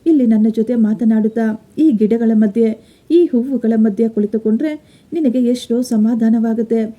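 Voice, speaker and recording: A woman voicing a kind young pregnant wife who gently comforts her friend. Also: fairly high pitch, moderate pace, narrow, tinny audio, lightly acted. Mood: comforting.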